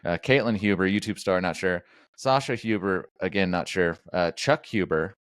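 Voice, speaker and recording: A man's voice: low voice, moderate pace, a bit bright, clean tone, no room sound, clean studio sound. A man hosting a podcast, chatting casually with lots of jokes, fillers and restarts. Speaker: podcast host. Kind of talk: casual interview chat.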